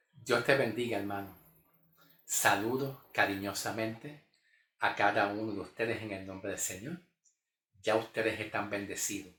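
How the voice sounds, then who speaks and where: A man's voice: lowish voice, a bit bright. A man teaching the Bible in a sermon style, repeating phrases emphatically and often checking in with "ok?". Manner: repetitive, emphatic, asks "¿ok?" often. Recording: echoey room with faint music.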